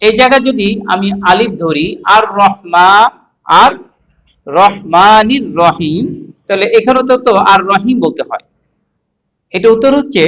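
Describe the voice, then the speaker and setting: High-voiced man teaching Quran reading. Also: fairly bright tone, rough recording. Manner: explains step by step, asks the class and answers himself; spells out letters and vowel marks slowly. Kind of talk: classroom lesson on tajweed.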